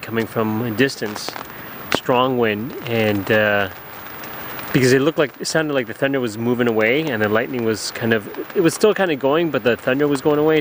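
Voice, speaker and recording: Holed up in a little tent on a stormy night, a canoe-trip vlogger with a medium-pitched voice talks casually to a close camera. His narration wanders and he restarts sentences as memories return, while outdoor storm noise of wind, rain and falling pine needles fills the background.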